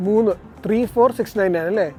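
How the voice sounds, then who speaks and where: A man's voice: high voice, fast talker, warm tone, soft background music. A man with a Malayalam accent vlogging casually to his viewers, mixing English words into his Malayalam as he narrates his trip. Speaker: travel vlogger. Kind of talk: casual vlog commentary to viewers. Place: on a city bus and busy streets outdoors.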